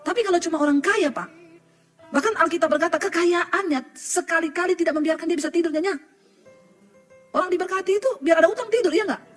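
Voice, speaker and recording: High-voiced woman pastor preaching with jokes. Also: fast talker, soft background music. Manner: joking and laughing, often addressing the congregation directly. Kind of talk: sermon with personal storytelling. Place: church before a live congregation.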